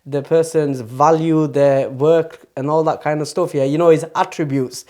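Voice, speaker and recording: Male podcast host, casual and animated, foul-mouthed storyteller. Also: on the high side, moderate pace. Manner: animated storyteller, swears freely. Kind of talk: casual chat.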